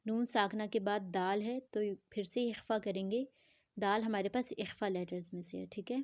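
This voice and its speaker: Woman slowly spelling out recitation lessons. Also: mid-range voice, steady tone, a little mellow, no room sound, studio quality. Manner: spells words letter by letter, drawing out nasal sounds. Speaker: Quran recitation teacher. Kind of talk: slow spelling-out tajweed lesson.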